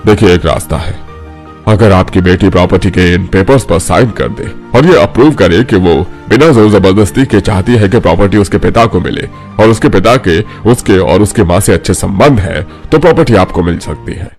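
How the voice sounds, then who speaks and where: Man doing a calm deep-voiced lawyer, slow and explaining. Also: faint music behind. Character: measured middle-aged male lawyer. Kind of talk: animated family drama.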